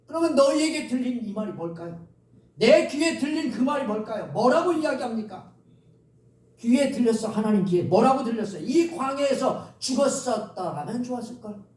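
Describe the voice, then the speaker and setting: A man's voice: very high voice, animated, a little fast, darkish tone. A man preaching a sermon as pastor, speaking to the congregation and drawing responses from them. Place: church sanctuary. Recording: echoey church recorded from a distance.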